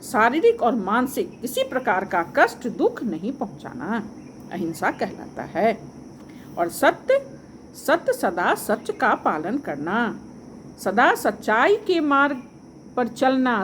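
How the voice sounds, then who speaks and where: A woman teaching an online class, slowly repeating key points and quizzing her pupils. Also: a little high. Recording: faint background noise.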